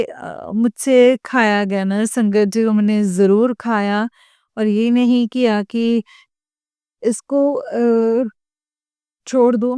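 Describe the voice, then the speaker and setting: Slow, smooth-voiced woman sharing a devotional testimony. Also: a little high, warm tone, no echo, studio quality. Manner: halting storytelling, often addressing listeners respectfully.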